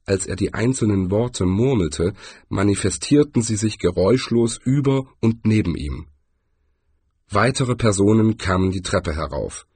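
A man reading a story aloud as an audiobook narrator, telling it in a measured way. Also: on the low side, lively intonation, darkish tone, slightly rough, no echo. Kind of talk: scripted narration.

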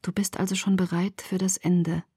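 A woman voicing a brooding young man who is cold and sorrowful, speaking low and hushed, at times in a whisper. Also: measured pace, husky, no echo, studio quality. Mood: hushed sad.

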